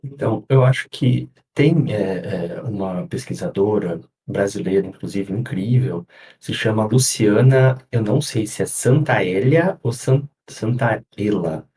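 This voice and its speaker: A psychologist explaining things in a casual podcast chat, often pausing on fillers and restarting his sentences. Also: lowish voice, dark tone. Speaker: psychologist guest. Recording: echoey room.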